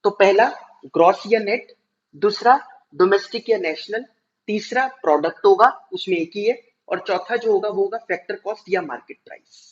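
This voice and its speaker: A male teacher giving a classroom lecture, explaining step by step, slowing down to spell out terms and checking whether students follow. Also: high voice. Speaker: commerce teacher. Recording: dull lo-fi recording.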